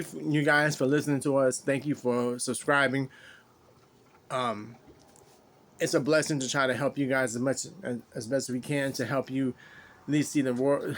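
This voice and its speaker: Rambling man, heartfelt and sweary. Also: mid-range voice. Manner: rambling, repeats and restarts phrases; frequent casual swearing. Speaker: podcast host, military veteran. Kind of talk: casual heartfelt monologue to listeners.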